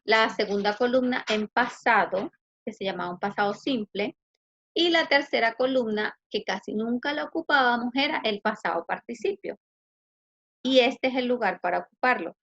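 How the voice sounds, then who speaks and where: A woman's voice: a little high, moderate pace, fairly bright tone. A woman with a Chilean Spanish accent, an English teacher explaining grammar patiently in an online class and asking students questions. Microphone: video call. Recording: muffled video call audio.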